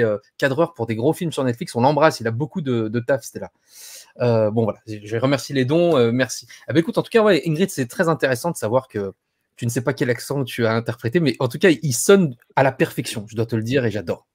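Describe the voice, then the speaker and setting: A man's voice: mid-range voice, fast talker, a little mellow. A man hosting a live stream, chatting and thanking donors with enthusiasm. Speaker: host. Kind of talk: casual live chat.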